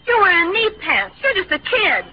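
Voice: very high voice, wildly swooping pitch, normal speed, heavily acted. A performer playing a cocky, condescending teenage boy who shows off his maturity in an old-time radio comedy. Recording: dull lo-fi old radio recording.

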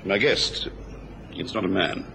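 An actor playing an irascible upper-class gentleman in an old radio drama, haughty and indignant, on a noisy recording. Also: sits low, measured pace, creaky, heavily acted. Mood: stiff, defensive.

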